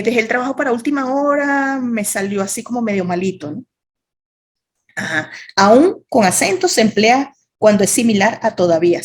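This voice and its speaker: A Venezuelan woman with a slightly husky, breathy voice leads an online writing class over a video call. She talks in a loose, chatty way and keeps dropping playful asides to her students. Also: a little high. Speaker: creative writing teacher. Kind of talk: online workshop teaching.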